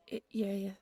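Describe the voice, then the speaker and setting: In an audio roleplay, a young woman acts as a shy, flustered bunny-girl receptionist. Her voice is soft and breathy, broken by a nervous, apologetic stammer.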